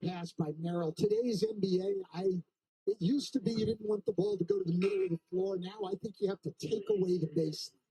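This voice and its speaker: Male color analyst, high and raspy, lively pitch, breaks down basketball tactics on air. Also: fairly quick, rough recording.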